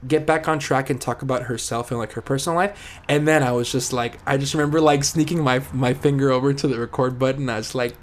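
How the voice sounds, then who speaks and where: A young man co-hosting a podcast, telling stories in a casual, animated way full of fillers and restarts. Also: mid-range voice, fast talker. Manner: animated storyteller, lots of filler words and restarts. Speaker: podcast co-host. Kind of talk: casual chat.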